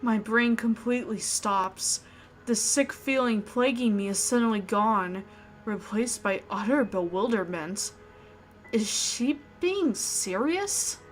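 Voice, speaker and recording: Hosting a game playthrough, a woman reads a horror visual novel aloud a little slowly, her pitch in the middle range. She acts out the narrator's thoughts expressively and adds casual remarks of her own, with music playing beneath her and slight background noise.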